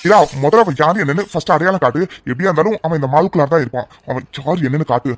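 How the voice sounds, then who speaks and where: A voice actor playing a steady middle-aged father in a cartoon dub, calm and commanding. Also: medium pitch, very fast, slight background noise, close to an everyday voice.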